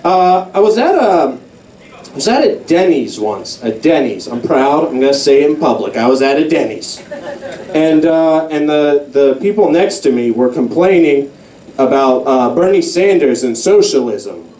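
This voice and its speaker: A young man doing a stand-up comedy set in a comedy club, animated and slipping into mock voices for the people in his jokes. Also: on the high side, moderate pace, a little hiss or hum. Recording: roomy club sound from a distance.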